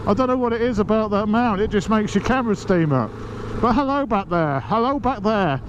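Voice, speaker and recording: A motorcycle vlogger with a high, expressive voice talks briskly while riding on urban roads, chatty, cheeky, self-mocking and swearing now and then. He's snuffly from hay fever, and the lo-fi audio is full of loud wind and traffic noise.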